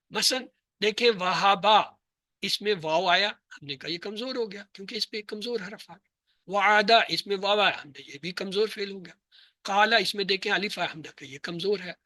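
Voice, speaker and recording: A man teaches Arabic grammar in a classroom lesson, walking through each example slowly and letter by letter. He keeps asking the class a question and then answering it himself. His voice is bright and forward, recorded close and dry with almost no room sound. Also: high-pitched, dry recording. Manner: slow, spelled-out listing of letters and words.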